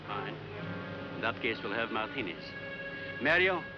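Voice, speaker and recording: A man's voice: on the low side, lively intonation, unhurried. An actor playing an older male scientist who hosts guests on an island, speaking in a formal, explanatory manner. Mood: earnest. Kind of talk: 1950s film acting. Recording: dull old film soundtrack with faint music.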